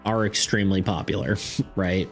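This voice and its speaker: With faint music in the background, a young man chats casually on a live stream about art and game design. His low voice moves at normal speed, full of fillers and laughs as he rambles, and he mentions he's losing his voice.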